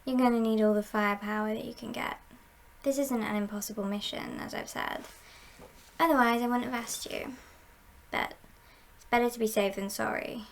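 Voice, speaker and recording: A woman playing a confident, scheming female heist boss in an ASMR role-play, speaking in a measured, playful and conspiratorial way with a creaky voice. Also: a little high, steady tone. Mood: conspiratorial, commanding.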